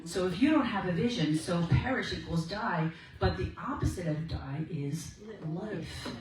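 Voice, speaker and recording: A woman addresses a women's ministry meeting with a personal testimony, telling it chattily and playing out the quoted conversations. Her lowish voice moves a little slowly. Captured from afar in an echoey meeting room, the recording includes crowd noise.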